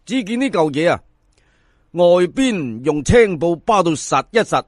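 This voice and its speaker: In a dry, close recording with no echo, a Cantonese man unhurriedly tells an episodic folk story with dramatic flair. His voice sits a bit high for a man and rises and falls lively as he chats theatrically, directly addressing listeners.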